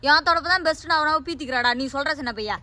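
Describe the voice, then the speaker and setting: A woman acting as a scolding mother in a comedy sketch, exclamatory and quick to chide. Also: high-pitched, pushed and bright.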